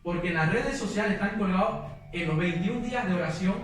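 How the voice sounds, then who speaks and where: A man's voice: high-pitched, brisk. A young man preaching a sermon in a church, telling his own testimony in an earnest, emotional way. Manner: earnest, emotional storytelling with quoted prayers. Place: church hall. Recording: distant, very echoey church hall with music.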